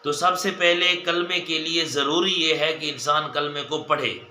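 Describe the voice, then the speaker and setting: A man's voice: a little high, fairly even intonation, pushed and bright, slight background noise. A man giving a religious lesson as a mufti, counting off his points one by one and repeating them, often turning to the viewers as dear friends. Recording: echoey room with faint ambience.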